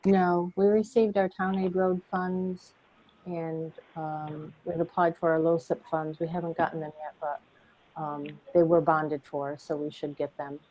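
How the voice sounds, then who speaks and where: A woman's voice: sits low, flat delivery, measured pace, a little hiss or hum. A woman serving as a town finance officer, answering budget questions in a matter-of-fact way over a video call. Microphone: computer mic on a video call. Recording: dull lo-fi call audio.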